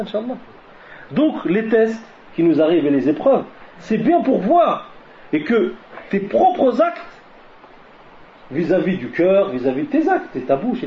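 A man giving a religious lesson who keeps asking questions and answering them himself, mixing Arabic religious phrases into his French and repeating key lines for emphasis. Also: high-pitched. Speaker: preacher. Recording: dull lo-fi recording with faint noise.

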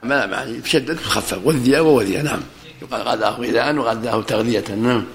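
A man's voice: mid-range voice, quick pace, background noise. A man giving a religious lesson, explaining hadith and answering students' questions, repeating key phrases for emphasis. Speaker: religious scholar teaching hadith.

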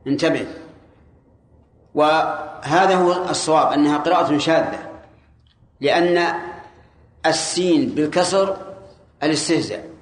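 Higher-voiced man teaching in an echoey room. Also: measured pace, pauses often. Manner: explanatory, quizzes students directly. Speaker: teacher of Quran commentary. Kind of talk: classroom lesson explaining a text. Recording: echoey room with faint hiss.

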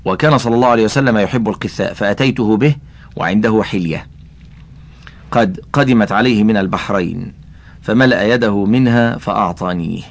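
A man's voice: lowish voice, a little fast. A man reading a classical religious text aloud as an audiobook, adding commentary and carefully spelling out how names are voweled. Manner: addresses the listener directly. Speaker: audiobook reader.

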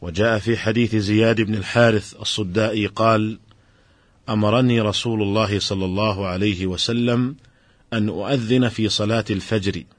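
A man giving a formal religious lesson, explaining rulings in a measured, explanatory way and addressing his listeners directly. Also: lowish voice, steady tone, no echo. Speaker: Islamic scholar giving a lecture.

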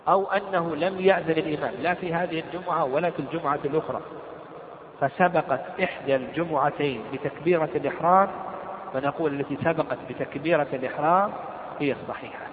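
A man lectures on Islamic law, reading a legal text aloud and going over each point again and again. His voice sits a little high. It comes through a thin, phone-like recording in a long-echoing hall full of people. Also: fast talker. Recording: roomy hall over a tinny line with crowd noise.

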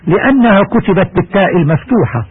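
A man teaching a recorded lesson on Quran recitation, in measured, formal instructional delivery. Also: sits high, animated, dry recording. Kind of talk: scripted lesson narration. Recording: husky, dry, phone-like radio broadcast.

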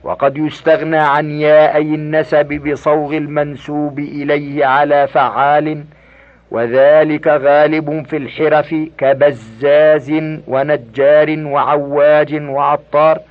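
A man reads a classical grammar book aloud, word by word, in a formal recitation. His voice sits fairly high and he takes his time over every phrase. The sound is muffled and lo-fi, like an old cassette tape. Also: little pitch movement. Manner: measured, deliberate recitation. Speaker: reader of a classical grammar text. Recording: dull lo-fi cassette tape recording.

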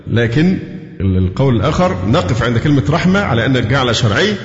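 Egyptian teacher in an echoing hall. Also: male voice, mid-range voice, very animated. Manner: quizzes listeners with fill-in questions, recites verses slowly. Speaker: Quran teacher. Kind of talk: tafsir lesson. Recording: dull echoey hall recording.

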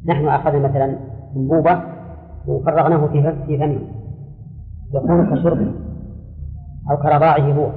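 A man lectures on Islamic law, answering students and repeating his key terms as he explains. His voice sits a little high. The sound is thin and phone-like, with a long echo from a large hall. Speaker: religious scholar teaching a class.

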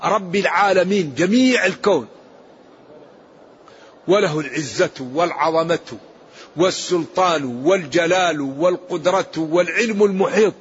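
This Quran commentary lesson comes from a scholar whose voice is fairly high-pitched and who talks at normal speed. He stays emphatic, his pitch climbing sharply on recited verses, while the dull lo-fi audio carries a faint hiss.

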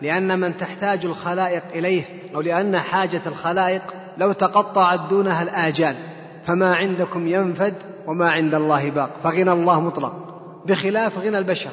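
A man's voice: sits high, steady tone, fast talker, fairly bright tone. A man teaching scripture in a lecture, explaining points step by step and posing questions to his listeners before answering them. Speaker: Quran teacher. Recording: echoey hall, dull lo-fi sound.

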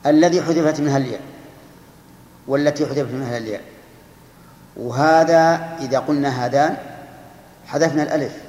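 A man's voice: mid-range voice, darkish tone. A man giving a grammar lesson, explaining step by step and putting questions to his students. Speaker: teacher. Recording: echoey hall recording, faint noise.

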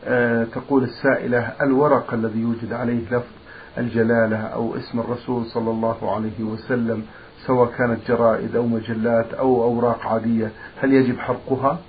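Fast-talking male radio host in formal Standard Arabic. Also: medium pitch, flat delivery. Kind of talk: formal broadcast presenting, reading out listeners' questions. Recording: narrow phone-like radio sound, faint noise.

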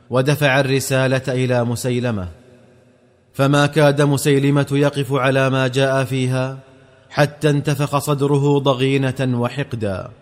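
A man's voice: medium pitch, big-room sound. A man narrating a historical story in a solemn, formal classical style.

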